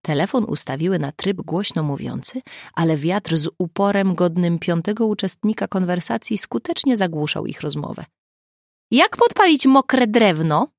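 A woman narrating an audiobook in an expressive storytelling manner. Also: fairly low pitch, moderate pace, dry recording, clean studio sound.

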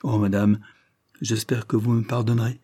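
A sly, scheming housekeeper who pleads and flatters with false humility, voiced by a man. The voice is somewhat raised above a low, husky male timbre. It is a dark, muted voice in an audiobook reading. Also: moderate pace. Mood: wheedling. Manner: fawning, then triumphant. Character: intriguing middle-aged housekeeper woman, spiteful.

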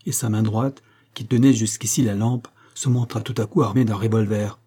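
A man narrating an adventure novel in a steady, dramatic storytelling manner. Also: lowish voice, normal speed, breathy edge. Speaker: audiobook reader. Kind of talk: scripted narration of a pulp novel.

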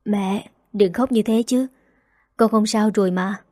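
A woman voicing a young man who has just woken in hospital, speaking softly and gently in a storybook reading. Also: mid-range voice, measured pace, no echo, studio quality, close to an everyday voice. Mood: weak.

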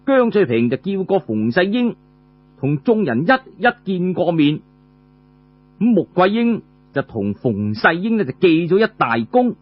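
A storyteller with a Cantonese accent tells a traditional tale in a conversational, dramatic way, drawing out his particles. His voice sits high and is very animated, his pace a little slow. The recording sounds muffled.

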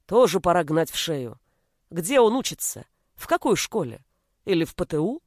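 A woman's voice: lowish voice, big pitch swings, normal speed, darkish tone, no room sound. A scornful, self-important school director , played by a woman reading the story, talks down in a bureaucratic drone full of threats. His lines come across dry and close, with no room around them. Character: pompous fat male Soviet school director, scornful.

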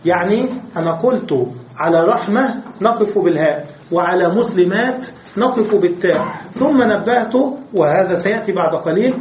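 A man with a high voice leads a classroom grammar lesson. He works through each point slowly and keeps asking his students rhetorical questions. The room is echoey, with a faint background hiss. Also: darkish tone. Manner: explains step by step, asks the class rhetorical questions. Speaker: Arabic grammar teacher.

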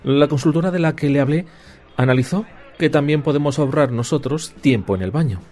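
A man's voice: fairly high pitch, a little fast, a little mellow, soft background music, natural voice. A man playing a courteous, matter-of-fact male waiter in an amateur radio sketch. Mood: polite. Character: overly polite efficient male waiter.

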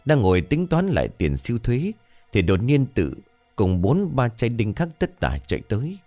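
A man reading a horror story aloud in a dramatic, expressive narration. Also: medium pitch, moderate pace, dry recording, faint music behind.

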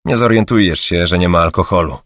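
A man's voice: low-pitched, brisk, fairly bright tone, dry recording, studio quality. A man playing a talkative young bartender who likes to gossip, in an audiobook. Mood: eager. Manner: gossipy, eager to talk.

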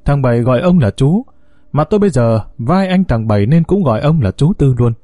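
Male storyteller, steady unhurried narration, mellow dark tone, dry close sound. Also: mid-range voice, no echo.

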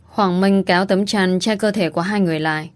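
A woman narrating a family drama audiobook in a steady, dramatic reading. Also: mid-range voice, brisk, dry recording. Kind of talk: scripted storytelling narration.

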